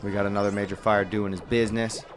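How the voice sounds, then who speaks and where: A man commentating a mobile game tournament match play by play, upbeat and quick to exclaim at good plays. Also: fairly low pitch, flat delivery, over music.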